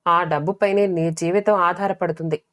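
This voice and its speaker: A woman doing an earnest young younger sister from a storybook. She explains herself plainly and sincerely, her voice lowish and steady. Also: normal speed, close to an everyday voice.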